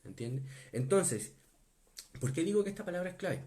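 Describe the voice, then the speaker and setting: A man gives a Bible teaching sermon in a slightly high voice. He leans on key words and slows down to stress them. He keeps asking his listeners whether they follow. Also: lively intonation, warm tone. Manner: asks the listeners to confirm often; emphatic on key words, slowing down. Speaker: preacher.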